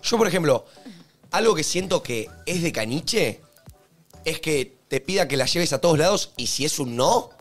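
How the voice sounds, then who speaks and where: A young man with a Rioplatense Spanish accent in casual group chat, lively and asking the others questions. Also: a little high, normal speed, faint music behind.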